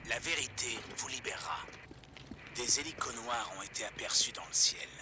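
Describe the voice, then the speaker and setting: An actor playing a paranoid male pirate radio host who delivers hushed, whispery warnings in a game broadcast over loud noise. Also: medium pitch, moderate pace. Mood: conspiratorial. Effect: pirate radio broadcast heard in the game.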